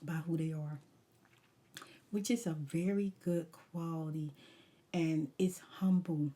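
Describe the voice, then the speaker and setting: A woman's voice: low-pitched, mellow, slightly rough. A woman ASMR vlogger rambling through a casual story time, talking candidly and emphatically with slangy asides and advice.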